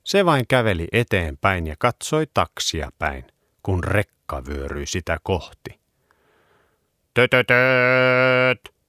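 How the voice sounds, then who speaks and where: Deep-voiced man reading a children's book. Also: no echo, studio quality. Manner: expressive storytelling. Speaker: narrator.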